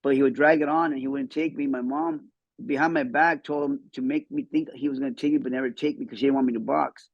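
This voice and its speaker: A man's voice: mid-range voice, fairly even intonation, vocal fry, no echo, lo-fi sound. A man in his fifties who grew up in Mexico, telling his life story as a podcast guest in a casual, repetitive way. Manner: fast, repeats words as he talks.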